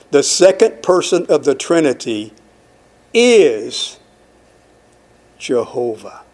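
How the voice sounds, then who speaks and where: A man preaching a sermon, slow and emphatic, building repeated refrains and putting questions to his listeners. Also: fairly high pitch, darkish tone. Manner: asks the audience questions.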